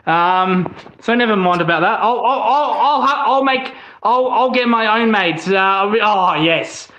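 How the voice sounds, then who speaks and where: A man's voice: sits high, expressive, unhurried, sharp tone, a little hiss or hum. A man co-hosting a casual sports podcast, crude and rambling, often mocking himself. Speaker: co-host. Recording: muffled echoey home mic.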